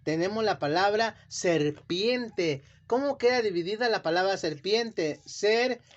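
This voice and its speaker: Man slowly spelling out syllables for children. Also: high voice. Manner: slow, careful, drawing out words syllable by syllable. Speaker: teacher. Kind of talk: classroom lesson explanation. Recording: dull lo-fi sound.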